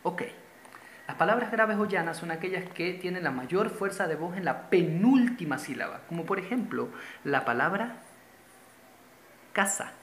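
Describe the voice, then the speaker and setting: Man, grammar teacher, slow patient delivery with repeated terms, echoey room. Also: high-pitched, lively intonation, fairly bright tone, a little hiss or hum. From Venezuela. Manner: patient, repeats key terms, points at a board. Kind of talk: classroom-style grammar lesson. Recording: roomy echo.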